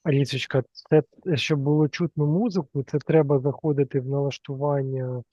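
Calm man on a dull video call. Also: mid-range voice, a little fast, no room sound. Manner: calm, patient, repeats himself to make a point. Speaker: online class moderator. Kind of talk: patient explaining on a video call. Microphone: video call from a computer.

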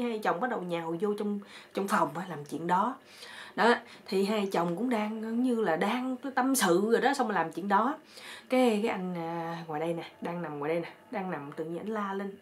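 Chatty woman storyteller. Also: mid-range voice. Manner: lively, chatty, full of exclamations. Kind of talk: comic storytelling.

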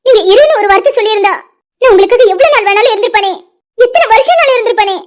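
A woman's voice: very high voice, expressive, rapid-fire, faint music behind. A woman voicing a heartbroken young woman in a cartoon story, pleading and questioning through tears. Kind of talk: cartoon voice acting.

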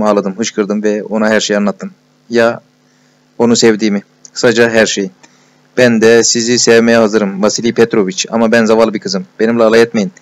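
A tender-hearted young clerk from a storybook, shy and overjoyed, pouring out his heart in breathless confiding rushes, as a man reads him. The voice sits low. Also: natural voice. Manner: emotional, breathless confiding, repeated endearments.

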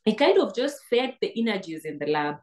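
A Kenyan woman in her thirties, a PhD graduate, is an earnest guest in a webcam interview, often restarting her words. Her medium-pitched voice swings widely in pitch and moves briskly, with a noisy background. She sits on a sofa in an indoor room, using a laptop webcam on the video call.

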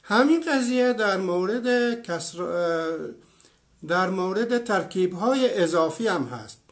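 A man from Iran in his fifties with a high-pitched voice leads an online lecture. He works through one example after another in a clear, explanatory manner. He often pauses to take up comments from his live audience. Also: lively intonation. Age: 50s. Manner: explanatory, gives many examples; reads out and answers viewer comments.

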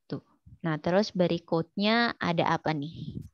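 Woman, language teacher, chatty, lots of fillers, lowish voice, dull lo-fi sound. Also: unhurried, dry recording. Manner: chatty, quizzing students with many fillers. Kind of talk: online language lesson.

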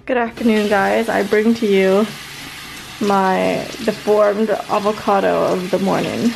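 A woman's voice: medium pitch, steady tone, a little slow, creaky, darkish tone. A young woman vlogging casually to camera, chatty and playful, cooing fondly at her dog. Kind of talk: casual vlog talk to camera. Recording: noisy background hiss.

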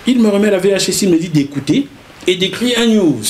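A middle-aged man with a Cameroonian French accent, a journalist recounting his career as an interview guest, animated and repeating words as he goes. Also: high-pitched, brisk. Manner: animated, repeats words while telling a story. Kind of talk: casual interview storytelling.

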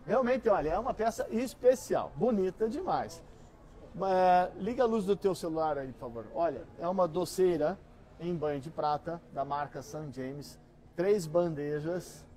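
A middle-aged man with a Brazilian accent working as an auctioneer, coaxing higher bids with repeated calls and pitching items to buyers. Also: lively intonation, moderate pace, mellow. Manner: repetitive, coaxing bid-calling. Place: large busy antiques store hall, indoors.

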